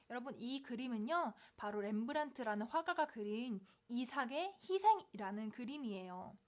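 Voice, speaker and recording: Woman preaching to kids, kinda high voice, storyteller vibe, asks them stuff, does little voices. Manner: gentle storytelling to kids, asking questions; acts out quoted voices in the story. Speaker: children's ministry preacher. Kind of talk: children's sermon.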